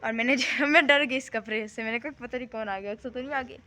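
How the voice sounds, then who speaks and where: A young woman with a slightly high voice chats into a handheld phone on an open rooftop at night, with the wind blowing. She keeps talking while she shivers, and her throat is sore. This is an easygoing, casual vlog delivery. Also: fast talker, pushed and bright. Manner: chatty, talks while shivering in the cold. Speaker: vlogger. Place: rooftop outdoors at night, windy.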